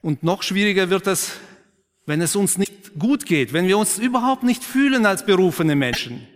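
A man preaching a sermon who questions the congregation, affirms their answers, and drops to a quiet, emphatic tone for key points. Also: high voice, animated, normal speed. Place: church. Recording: long reverb of a church hall.

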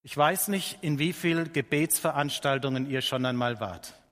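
A middle-aged man preaching a sermon. He speaks earnestly, slows down to stress his points and lifts his voice when quoting scripture. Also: on the high side, fairly bright tone. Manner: earnest, slows down for emphasis, quotes scripture with rising voice. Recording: long hall reverb.

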